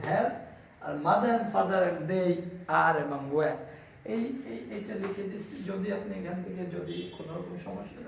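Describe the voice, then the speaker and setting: A high-voiced man with a Bangladeshi accent teaches English grammar, drilling each phrase slowly and then giving its meaning. His voice has a gravelly edge. He sounds distant from the mic in a very echoey room, with faint ambient noise behind him. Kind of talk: classroom-style grammar lesson.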